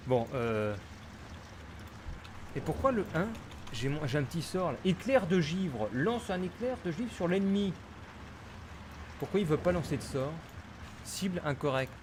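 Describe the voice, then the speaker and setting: A man talks through a game session in a slightly high voice, half muttering and half grumbling as things go wrong. He mostly thinks aloud to himself. A faint hiss runs under the recording. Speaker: gamer streamer. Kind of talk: casual let's-play commentary.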